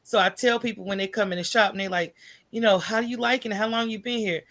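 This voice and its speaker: A middle-aged American woman who owns a coffee shop chats casually as an interview guest, talking fast in a mid-range voice. She tells stories animatedly, acting out her own quoted thoughts and frequently tacking "right?" onto her phrases.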